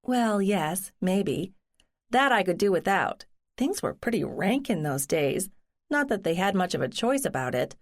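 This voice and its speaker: A woman's voice: medium pitch, sing-song, unhurried. A woman, a cozy mystery narrator, voicing an earnest, wry, determined woman in conversational, explanatory audiobook dialogue.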